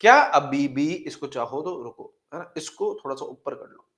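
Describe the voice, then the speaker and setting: A male chemistry teacher with a slightly high, very animated voice that swoops up and down as he lectures. He keeps repeating key phrases and answering his own questions, and calls his students "beta". The sound is echoey, as if from a bare classroom. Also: moderate pace. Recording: echoey room.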